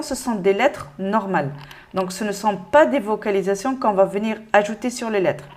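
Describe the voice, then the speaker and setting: Une femme qui donne un cours de lecture avec patience, en répétant lentement chaque mot. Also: female voice, mid-range voice. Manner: patient, repeats each word slowly. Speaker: Arabic reading teacher. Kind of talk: step-by-step lesson.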